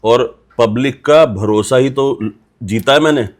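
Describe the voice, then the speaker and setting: A man's voice: mid-range voice, measured pace. Assured middle-aged shop owner, man. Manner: steady, assured sales talk. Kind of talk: promotional interview.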